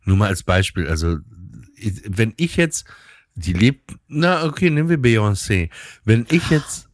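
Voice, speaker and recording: A young man co-hosting a relaxed bedtime chat, his voice low and recorded close and dry. He rambles, restarts his sentences and hunts for words. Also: a little slow, dry recording. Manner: rambling, hesitant, many ums and restarts. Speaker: podcast co-host.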